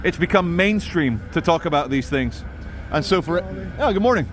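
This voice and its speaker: A man's voice: on the high side, expressive, normal speed. A man talking in a rambling, opinionated monologue as he records a walking vlog outdoors in a city. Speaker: vlogger. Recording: outdoor city and traffic noise.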